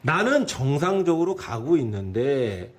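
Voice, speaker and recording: A man giving a driving lesson, talking in an animated way and asking the listener rhetorical questions. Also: medium pitch, measured pace. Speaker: driving instructor.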